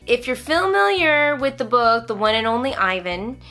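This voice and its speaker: In a small furnished room at home, a woman in her thirties or forties, a vlogger and homeschooling mother, reviews things to camera. She's animated and conversational, often breaking off her own sentences, and her voice sits on the high side at a moderate pace.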